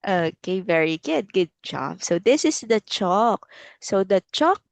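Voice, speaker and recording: A woman's voice: mid-range voice, sing-song, unhurried, creaky, no echo. A woman teaching simple words to a young child as if talking to a toddler, repeating short phrases encouragingly and often laughing. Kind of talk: slow, simple children's lesson with repetition.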